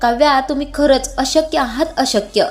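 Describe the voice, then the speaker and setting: A woman's voice: sits high, natural voice. Parth, a woman doing a frantic scolding young husband. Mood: agitated, scolding. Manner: scolding, rapid questions.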